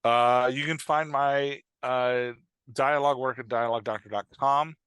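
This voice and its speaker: As a podcast guest, this middle-aged man, a fiction writer and dialogue coach, talks candidly, self-deprecatingly, and conversationally while acting out imagined remarks. His medium-pitched voice is clear and resonant, fairly bright, with fairly even intonation at a moderate pace and no room sound.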